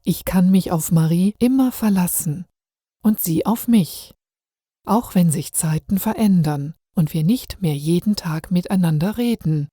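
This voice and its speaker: A woman narrating a first-person story for learners, calm and warm. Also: fairly low pitch, unhurried, no echo, studio quality.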